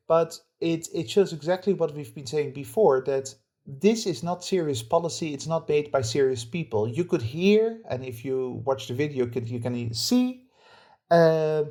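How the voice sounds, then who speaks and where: Male podcast co-host, mellow timbre, indignant opinion rant. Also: a little high. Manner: indignant, ranting.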